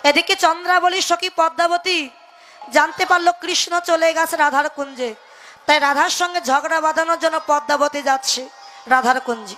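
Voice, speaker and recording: A woman's voice: high-pitched, fairly even intonation, normal speed, bright, forceful tone, faint music behind. A young woman performing devotional kirtan storytelling, preaching and acting out her characters' lines. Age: young adult.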